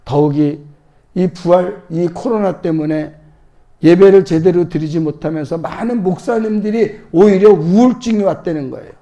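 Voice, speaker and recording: Gravelly-voiced preaching man, dark tone. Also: high-pitched, moderate pace. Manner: dramatic preaching, acting out quoted prayers in a hushed voice. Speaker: pastor. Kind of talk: sermon.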